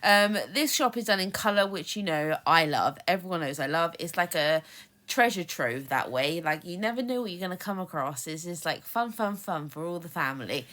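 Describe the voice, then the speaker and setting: A woman's voice: lowish voice, expressive, normal speed, fairly bright tone. A young British woman chatting enthusiastically in a casual voice-over about shop finds. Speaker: co-host, reseller.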